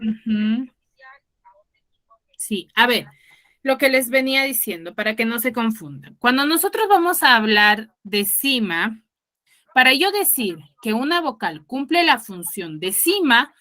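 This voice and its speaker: Woman teacher quizzing pupils online; bright, clear voice, unhurried delivery. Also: on the high side, sing-song. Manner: quizzing students, explains patiently. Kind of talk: online class instruction. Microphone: video call.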